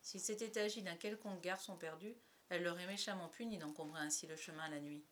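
A woman's voice: fairly low pitch, fairly quick, a little hiss or hum. Woman reading a children's story. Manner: expressive, lively reading.

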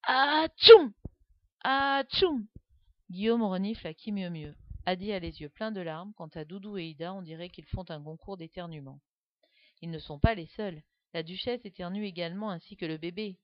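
A woman's voice: lowish voice, fairly quick, no echo. Woman reading a children's story. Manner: lively, expressive reading. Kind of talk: scripted children's story narration. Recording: dull lo-fi dry recording.

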